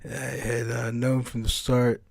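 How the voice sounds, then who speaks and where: A man's voice: medium pitch, little pitch movement, unhurried, gravelly, no echo. A young American man reading a visual novel aloud with jokey, rambling asides. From United States. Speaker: let's player.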